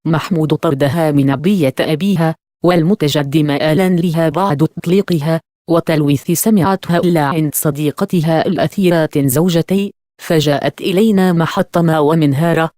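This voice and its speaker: A woman's voice: deep voice, fairly quick, warm tone, dry recording, studio quality, natural voice. A woman reading as a grieving young man. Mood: somber.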